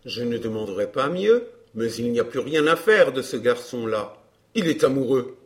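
A man reading a glib, self-assured gentleman in an audiobook dialogue, smooth and bantering. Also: mid-range voice, big pitch swings, moderate pace, natural voice.

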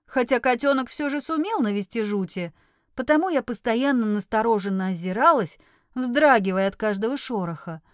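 A woman narrates an audiobook in the first person with a high voice and steady storytelling. The recording is close and dry. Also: normal speed, no room sound.

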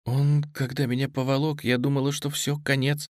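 A man's voice: mid-range voice, little pitch movement, moderate pace, a little mellow, dry recording, voice pushed up, close to an everyday voice. Storybook young woman, scared and teary, trembling pleas, voice lifted, done by a male reader; dry booth sound. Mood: frightened. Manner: trembling, pleading, tearful. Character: frightened tearful young woman, pleading.

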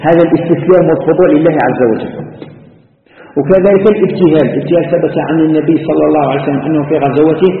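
Rapid Algerian sheikh, distant and tinny. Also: male voice, on the high side, fairly even intonation, a little hiss or hum. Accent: Algerian Arabic. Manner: explanatory, demonstrating with hand gestures. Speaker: sheikh teaching a religious lesson. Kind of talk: religious lesson mixing classical recitation and dialect. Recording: distant tinny recording in a reverberant hall.

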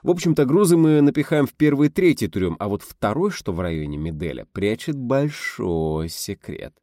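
A man reading a novel aloud as an audiobook narrator, telling the story with lively expression. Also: mid-range voice, normal speed, no room sound, clean studio sound. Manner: animated storytelling, voicing characters.

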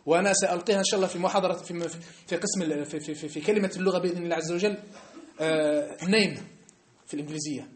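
A man with a North African Arabic accent teaches a religious class in an echoey room, speaking emphatically and repeatedly asking rhetorical questions to check whether listeners have understood. His voice sits high and races along, with a little hiss or hum.

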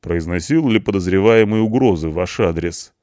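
A man voicing a calm, wry police officer who slowly dictates a report in formal wording. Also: deep voice, no echo, clean studio sound, lightly acted. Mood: dictating.

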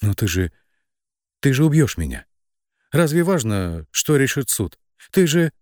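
A man's voice: low voice, animated, slow pace, breathy edge, no echo, studio quality, heavily acted. A man voicing a frightened young woman who pleads in panic and tears. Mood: desperate.

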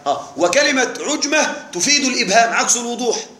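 Man, high voice, grammar teacher, classroom lesson, patient explaining, repeats key words, echoey room. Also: expressive, fast, bright, forceful tone. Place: classroom with live students.

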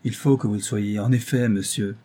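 A narrator puts on a devoted old servant who speaks barely above a murmur. The voice is mellow and husky, with a soft, dark tone. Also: male voice, lowish voice, fairly even intonation, moderate pace, lightly acted. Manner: murmured, hushed.

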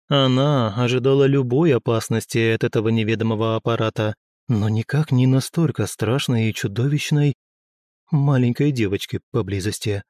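A man's voice: mid-range voice, darkish tone, no echo. Guy reading a fantasy audiobook, wry asides, dry close sound. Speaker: audiobook narrator. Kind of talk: scripted narration.

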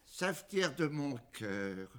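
An actor playing a doddering old beau with a thin, quavering voice, declaiming florid love poetry slowly in a stage farce. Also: male voice, a little high, big pitch swings. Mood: amorous, florid. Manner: slow florid poetic declaiming. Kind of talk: French stage farce acting.

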